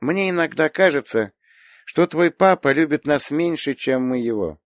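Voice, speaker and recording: A gentle, thoughtful young woman, as a male audiobook reader puts her on speaks softly and a little haltingly, in a lifted, lively voice. The sound is dry and close to the mic. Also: fairly high pitch, no room sound, pitched above the performer's own voice, natural voice. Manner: soft, hesitant, lifted voice. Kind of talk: audiobook character voice.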